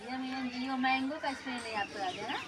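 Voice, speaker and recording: A woman's voice: high-pitched, fast talker, heavy background noise. A woman playing a teacher who quizzes children on English words, scolding them sternly and repeating her questions. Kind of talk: scolding classroom skit.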